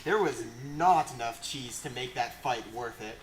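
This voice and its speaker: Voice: medium pitch, animated, moderate pace, natural voice. A performer playing a boastful, goofy hero on his way home, talking in a cocky, slangy, joking way in an amateur comedy skit. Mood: casual boasting. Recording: roomy echo, faint noise.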